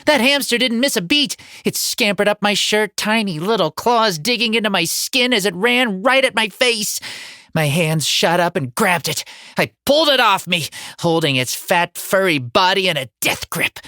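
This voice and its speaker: Expressive woman narrating a comic audiobook. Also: medium pitch, normal speed, dry recording, clean studio sound. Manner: expressive and dramatic, comic timing. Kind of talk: first-person horror comedy narration.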